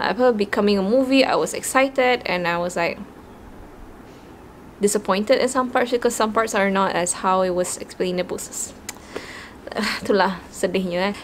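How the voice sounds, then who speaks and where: A woman's voice: mid-range voice, a little hiss or hum. A young woman with a Malaysian English accent, chatting casually about books and slipping Malay words into her English. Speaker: book vlogger. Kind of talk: casual chat.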